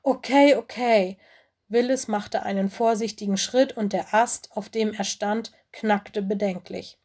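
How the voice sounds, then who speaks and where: A woman's voice: medium pitch, a little slow. Woman reading a children's story. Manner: clear, expressive storytelling. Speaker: audiobook narrator.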